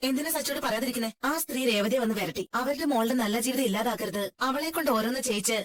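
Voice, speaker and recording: Brief: a woman dubbing a plain-spoken neighbor, quick delivery, a little high. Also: natural voice. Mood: indignant. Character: older neighbor woman, frank and outspoken. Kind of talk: fan dub of a serial scene.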